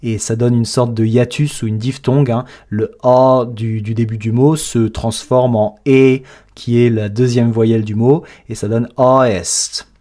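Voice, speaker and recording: A man's voice: mid-range voice, fairly even intonation, unhurried, dark tone. A French-speaking man coaching English pronunciation, breaking down each sound step by step in an explanatory lesson.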